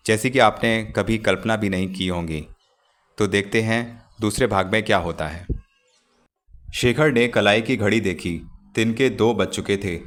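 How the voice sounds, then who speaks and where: Male audiobook narrator, low voice, measured novel reading. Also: fairly bright tone. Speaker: audiobook narrator and channel host.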